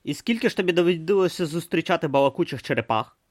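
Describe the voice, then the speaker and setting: A man's voice: medium pitch, sing-song, normal speed, natural voice. A man voicing an irritable, imperious ancient god trapped in the body of a small tortoise, barking orders and sneering. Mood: sarcastic. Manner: imperious, sarcastic, barks orders.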